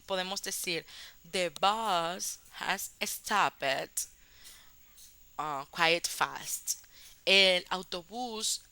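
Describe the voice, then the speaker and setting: A woman teaches an English grammar lesson. She speaks slowly, in a patient step-by-step way, and pads her explanations with small fillers. Her voice is bright and smooth. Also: fairly low pitch, no echo.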